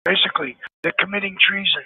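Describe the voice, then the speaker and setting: A man's voice: high voice, quick pace, bright, forceful tone, a little hiss or hum. A man calling in from prison over a phone line, talking earnestly and stressing his points by repeating them. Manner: earnest, emphatic, repeats key phrases. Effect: heard over a prison phone line. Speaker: caller, an inmate phoning in. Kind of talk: phone interview.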